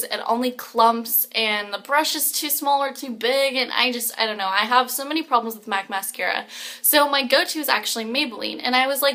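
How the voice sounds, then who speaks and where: A woman's voice: on the high side, pushed and bright. A young woman chatting casually about makeup in her home kitchen, rambling with many fillers. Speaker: beauty vlogger. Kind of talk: casual chat.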